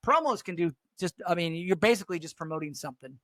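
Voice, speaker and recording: A middle-aged man with a notably high voice rambles through stories like the seasoned radio host he is, restarting his sentences often. He's relaxed and chatty in casual conversation. The sound is dry and close, with no echo or room around it.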